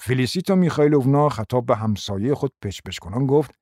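A man narrating a radio play with an even, storytelling delivery. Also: medium pitch, no room sound, studio quality. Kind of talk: scripted narration.

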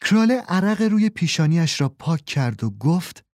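A man narrating a children's storybook in a calm, measured reading voice, close to the mic. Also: on the high side, no room sound.

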